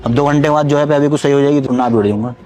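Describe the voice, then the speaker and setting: A man's voice: medium pitch, racing. A man playing a cheeky prank on a woman, teasing her with mock-innocent banter. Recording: crowd noise behind.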